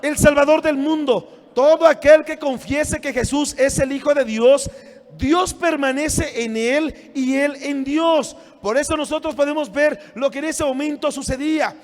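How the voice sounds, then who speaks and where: A male pastor preaching a sermon, often shouting and acting out scenes from scripture. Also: extremely high pitch, unhurried. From Mexico. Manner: preaching with frequent shouting and dramatic retellings. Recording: long church hall reverb.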